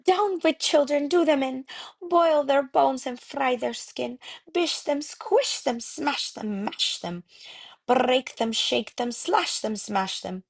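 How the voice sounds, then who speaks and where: A woman's voice: sits high, lively intonation, takes it slowly, vocal fry, voice pushed up, heavily acted. A woman voicing a cruel, gloating old female witch leader in a storybook reading, shrieking in broken grammar and chanting rhymes. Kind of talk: audiobook character reading.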